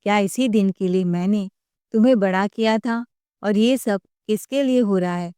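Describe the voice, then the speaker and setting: A woman's voice: mid-range voice, moderate pace, warm tone, clean tone, no echo, studio quality, natural voice. A woman doing a furious scolding mother-in-law. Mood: angry scolding. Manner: scolding, accusing. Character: stern angry older mother-in-law.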